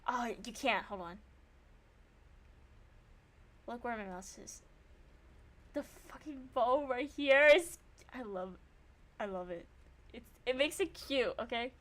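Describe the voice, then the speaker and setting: This young woman's slightly high voice is unhurried as she streams a game, alternating narration reading with casual, animated remarks. Her manner is self-mocking, with swearing that comes easily.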